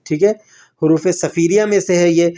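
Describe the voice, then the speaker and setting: A man teaching a tajweed lesson, explaining rules plainly and then reciting verses slowly and drawn out. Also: fairly high pitch, steady tone, dark tone.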